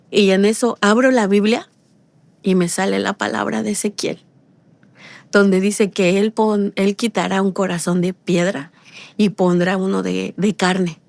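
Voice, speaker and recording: A woman's voice: medium pitch, creaky, a little mellow, dry recording. A woman giving an emotional personal testimony in an interview. She repeats phrases and restarts often as she talks. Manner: repetitive, with halting restarts and tearful pleading.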